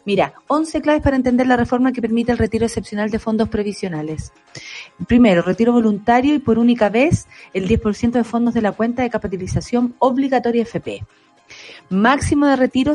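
A woman's voice: a little high, mellow. Slangy Chilean woman co-host. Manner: slangy, jokey, reads points aloud. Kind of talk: casual chat.

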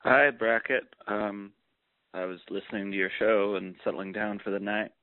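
A man's voice: on the low side, fairly even intonation, normal speed, dry recording. A man leaving a casual, offhand voicemail over a landline phone, with hesitant fillers between his thoughts. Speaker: voicemail caller. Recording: tinny dry phone line.

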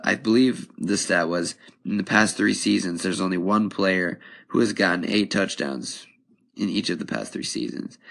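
A young man hosting a solo podcast in a casual, thinking-aloud way with frequent ums, his voice wearing thin and slightly hoarse. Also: deep voice, fairly bright tone. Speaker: podcast host.

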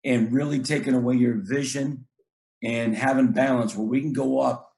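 A man's voice: mid-range voice, steady tone, normal speed, vocal fry, a little mellow. A middle-aged man, a basketball coach, talking earnestly in casual chat, often repeating words and acting out what he tells his players.

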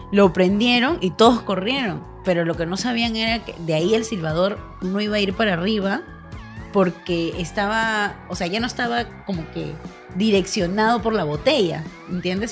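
A woman with a Peruvian accent telling a funny family story to friends, laughing often and acting out the voices of the people in it. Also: mid-range voice. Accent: Peruvian Spanish. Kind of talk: casual storytelling.

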